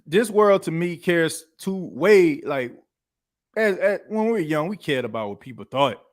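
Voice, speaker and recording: A man's voice: fairly high pitch, lively intonation, measured pace. A man in his thirties hosting a podcast, chatting casually and rambling, with frequent restarts and the filler "you know what I'm saying". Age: 30s. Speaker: podcast host. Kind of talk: casual chat.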